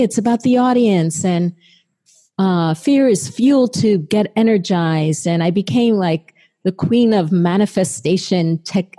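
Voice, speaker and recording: Mellow-voiced woman telling a personal story. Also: lowish voice. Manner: conversational, many "you know" fillers. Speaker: speaker sharing a personal story. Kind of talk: storytelling talk.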